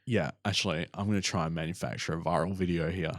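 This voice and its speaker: A man co-hosting a casual podcast, rambling along in a relaxed way with plenty of fillers. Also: deep voice, quick pace, no echo, clean studio sound. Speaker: podcast co-host. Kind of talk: casual chat.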